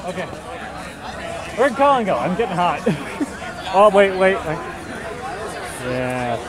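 Guy muffled in a costume head joking around, slow talker, big crowd all around. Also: high voice, sing-song. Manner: playful, joking. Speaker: first-time fursuiter. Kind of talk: casual chat. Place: outdoor picnic. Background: crowd of people.

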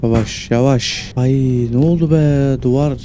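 A man's voice: mid-range voice, unhurried, dark tone, a little hiss or hum. A man giving casual commentary while he plays a horror game. He swears constantly and reacts jumpily to what happens on screen. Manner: crude, swears constantly, jumpy reactive banter.

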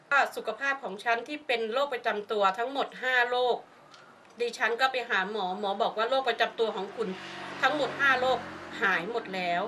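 Older woman, high-pitched, animated testimonial storyteller, recorded from a distance. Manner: lively storyteller who acts out the voices of people in her story. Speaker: customer giving a testimonial. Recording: distant mic with faint background noise.

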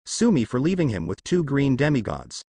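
Sarcastic young warrior woman as a man reads her, dry and cutting, husky tone. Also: medium pitch, very animated, normal speed, dark tone, no echo.

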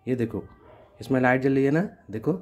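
A man narrating toy play for children, full of excited exclamations and vroom noises. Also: mid-range voice, a little fast. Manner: excited exclamations and motor sounds. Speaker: toy video host.

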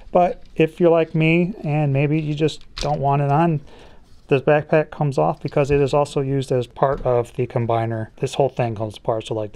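A man doing a relaxed, joking toy review, talking through each detail as he handles the figure at a table in a small studio. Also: medium pitch. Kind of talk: casual toy review chat.

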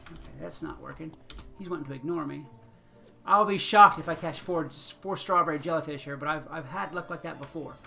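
A man's voice: a little high, fairly quick, vocal fry, bright, forceful tone. A man giving casual, chatty commentary on his own gameplay, thinking aloud and chuckling often as he plays. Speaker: gaming channel host.

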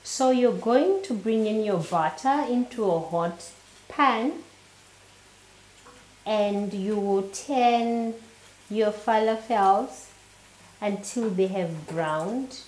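A woman's voice: mid-range voice, echoey room. A woman in her thirties hosting a cooking show, giving step-by-step recipe instructions from her home kitchen. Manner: slow, steady instructional delivery. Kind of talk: cooking demonstration to camera.

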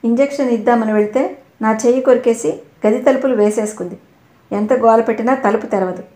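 A woman voicing a flustered hospital nurse in an audio novel, reporting in a hurried, urgent way. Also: fairly high pitch, mellow, echoey room, natural voice.

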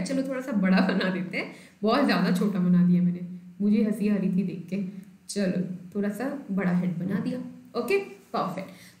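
A woman's voice: high voice, roomy sound. A woman teaching biology in a live online class. She explains step by step while she draws, often checks in with her students and greets viewers from the live chat. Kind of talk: live online lesson in Hindi-English mix.

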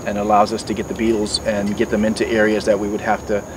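A middle-aged man out by the garden foliage runs through beekeeping tools step by step, restarting often and using many fillers. As a mentor he speaks fast in a lowish voice with a completely flat delivery, captured by a distant mic amid outdoor noise.

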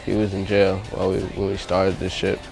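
A man's voice: sits low, monotone, brisk, creaky, a little mellow. A young man from Long Island talking casually about his past as a rapper, in loose, slangy speech. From Long Island, USA. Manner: laid-back, loose slangy speech with many fillers. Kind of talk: casual interview talk. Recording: music bed behind the voice.

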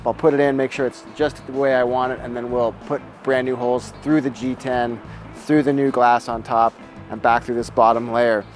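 A man in his forties calmly explaining each step of a repair job while he works in a boat shed. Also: mid-range voice, moderate pace, faint music behind. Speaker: boat restorer. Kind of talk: how-to narration while working. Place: boat shed with timber frame, indoors.

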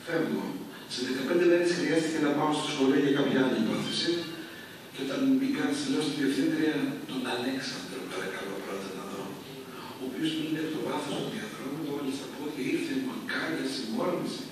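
An older man giving a church lecture, telling a story in a lively way and acting out the dialogue. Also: fairly high pitch. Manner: lively anecdote with acted-out dialogue. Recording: echoey hall, far from mic, background noise.

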